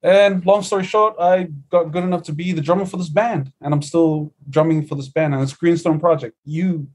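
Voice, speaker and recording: A middle-aged New Zealand man, a musician guest, tells his story over a video call in a laid-back, easygoing interview chat. His voice is fairly high and steady, a little mellow and slightly rough, at a moderate pace.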